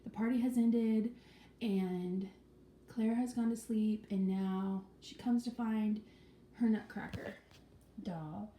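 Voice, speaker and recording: A vlogger chats casually with her viewers, rambling through her thoughts with lots of ums, restarts and occasional drops to a whisper. Her voice is very dark and mellow, mid-pitched for a woman, fairly even in intonation and slow. The room is echoey, with a faint hiss in the background.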